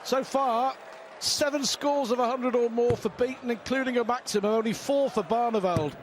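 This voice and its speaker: A man's voice: extremely high pitch, normal speed. A man giving live darts commentary in an emphatic way, repeating phrases for effect. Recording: clear venue noise behind the voice.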